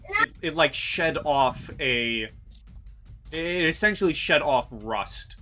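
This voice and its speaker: Bright-voiced, unhurried male game master. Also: fairly high pitch, expressive. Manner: halting, thinking aloud. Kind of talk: narrating a tabletop fantasy game.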